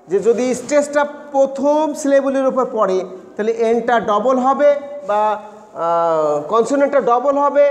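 A man's voice: very high voice, a little mellow. A man teaching an English grammar lesson, explaining rules and spelling words out letter by letter. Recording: echoey room with faint noise.

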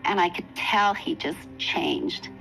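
A woman in her sixties telling her own story in a documentary interview, earnest and reflective, with pauses and restarts. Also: fairly low pitch, gravelly, fairly bright tone, soft background music, poor audio. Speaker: interviewee recounting her past.

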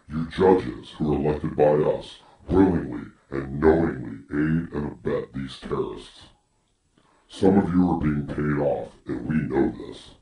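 Disguised, extremely deep male voice. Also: dark tone. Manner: solemn, slow, declaiming. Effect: disguised, electronically deepened voice. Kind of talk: scripted warning statement. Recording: echoey, distant-sounding disguised voice.

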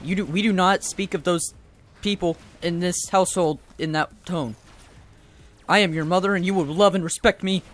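A man playing a bossy, indignant mother who loudly scolds her child during a gaming video. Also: high-pitched, steady tone, normal speed, faint music behind, pitched above the performer's own voice.

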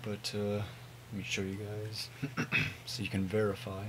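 A man in his twenties giving a casual, mumbled, sweary product review on a low-volume webcam recording. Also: completely flat delivery, measured pace, noisy background. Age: 20s. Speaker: vape reviewer. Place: small home room with hanging clothes.

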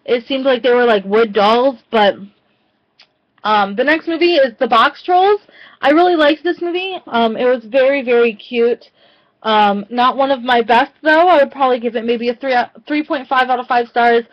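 A chatty young woman with a slightly high voice talks through her movie reviews. She fills her pauses with "um" and often restarts her sentences. The sound is dull and lo-fi, like a home video. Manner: chatty, many "um" fillers and restarts.

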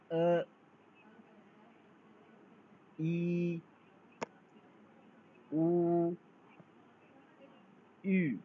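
Man teaching beginner drills, lo-fi. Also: a little high. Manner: repeats drills patiently, asks learners to repeat after him; drawn-out model sounds for drills. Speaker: language teacher. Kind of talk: beginner language lesson. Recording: dull lo-fi recording, faint noise.

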